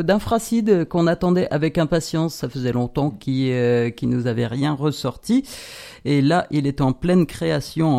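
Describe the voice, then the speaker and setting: A woman's voice: deep voice, dark tone. A woman presenting upcoming concerts on a radio show, in a playful chat full of hesitant fillers. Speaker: concert programmer on a radio guest spot. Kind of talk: casual radio chat announcing events.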